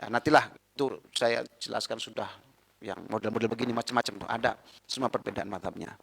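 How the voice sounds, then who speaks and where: An Indonesian man, an imam giving a religious study talk in a lively storytelling manner. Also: fairly low pitch, brisk, vocal fry, slightly rough, low-quality recording. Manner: lively storytelling, drops into other people's voices.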